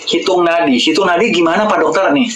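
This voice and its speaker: A man with a slightly raised pitch lectures his viewers during a live-stream health talk. He addresses them directly and leans on repetition to drive each point home. The sound is roomy and echoey, with a faint hiss of noise underneath. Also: fast talker, a bit bright.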